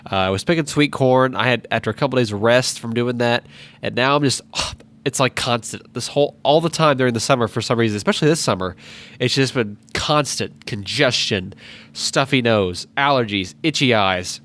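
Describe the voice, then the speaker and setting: On a podcast microphone, a nineteen-year-old man hosts a casual solo podcast, his medium-pitched voice fairly bright despite a stuffed-up nose. He rambles along with many restarts and asides.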